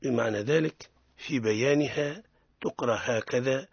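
Tunisian guy teaching quran recitation on the radio, slow and careful, repeats stuff, kinda dull dry sound. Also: mid-range voice, breathy edge, no echo. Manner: slow, deliberate explaining, repeating each rule and example. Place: radio studio.

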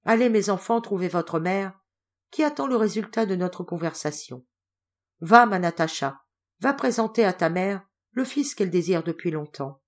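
A woman's voice: mid-range voice, lively intonation, moderate pace, close to an everyday voice. A woman reading an audiobook, voicing an old general who is a loving, blustering grandfather, in a raised, hearty voice. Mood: moved.

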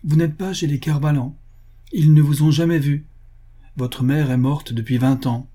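A man's voice: fairly high pitch, fairly even intonation, normal speed, warm tone, husky, pitched above the performer's own voice. A man reading the part of a young, proud noble heiress who speaks in a cold, decisive, commanding manner. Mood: stern.

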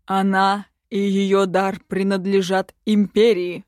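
A woman voicing a domineering, cruel male emperor who gives slow, loud, imperious commands. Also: mid-range voice, flat delivery, no echo, studio quality.

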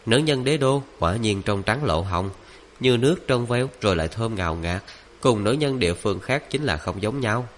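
A man's voice: lowish voice, lively intonation, normal speed, slight background noise, natural voice. A man voicing a lecherous male pig demon in a storybook, smug and gloating.

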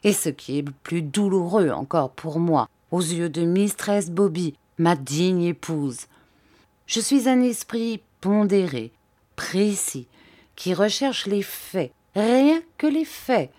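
A methodical policeman who wants only the facts, as voiced by a woman reader. He speaks deliberately and earnestly and presses his questions. It is an audiobook reading of an old novel. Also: fairly low pitch, expressive, dark tone, dry recording. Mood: measured. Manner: measured, pleading, deliberate. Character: precise, careful male police officer.

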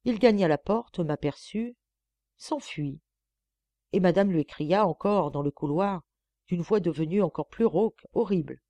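A woman narrates a classic novel as an audiobook in a steady, measured way. Her voice sits on the low side. The recording is close and dry. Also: dry recording. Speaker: audiobook reader.

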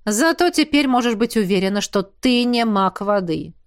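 A woman's voice: a little high, expressive, moderate pace, dry recording, studio quality, close to an everyday voice. Woman doing a huffy, haughty sorceress teacher. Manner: capricious and huffy. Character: haughty, capricious female magic teacher.

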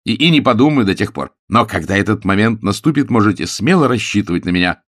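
A man's voice: on the low side, expressive, quick pace, fairly bright tone, no room sound, clean studio sound. A man voicing a self-assured young suitor who speaks glibly and cheerfully, in an audiobook reading. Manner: glib, cheerful, eloquent.

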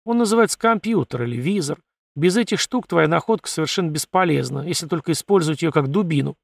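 A man voicing a calm, firm male leader of a valley who speaks bluntly. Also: fairly high pitch, fast, gravelly, no room sound, studio quality, voice pushed up.

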